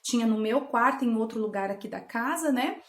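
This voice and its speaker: A woman's voice: a little high, animated, fairly quick, roomy sound. A woman in her thirties, a channel host from Brazil, giving parenting tips from her children's bedroom at home. She talks in a casual, coaxing way and acts out playful games with a child. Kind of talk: casual home teaching talk.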